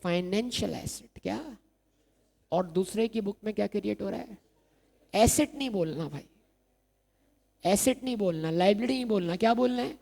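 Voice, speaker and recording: Gravelly male lecturer. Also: high-pitched, moderate pace, pauses often, darkish tone. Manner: asks rhetorical questions and answers them himself, repeats key terms. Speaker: accounting lecturer. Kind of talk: recorded exam-prep lecture.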